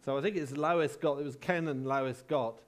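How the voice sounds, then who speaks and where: A male preacher speaks in an easygoing, chatty sermon voice at a middle pitch. He stops and restarts often and weaves in dry, self-deprecating humour. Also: normal speed. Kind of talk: sermon with personal anecdotes.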